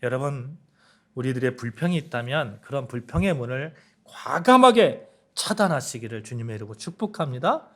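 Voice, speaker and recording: A man's voice: mid-range voice, animated, normal speed, pushed and bright. A man preaching a sermon as pastor, asking the congregation questions and building to emphatic outbursts.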